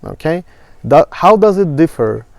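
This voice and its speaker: A man's voice: a little high, big pitch swings, a little slow, gravelly, no echo. Russian-speaking guy hosting a chat, curious, asks lots of questions, dry sound. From Ukraine. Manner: inquisitive, asks follow-up questions. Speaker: host. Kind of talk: casual conversation.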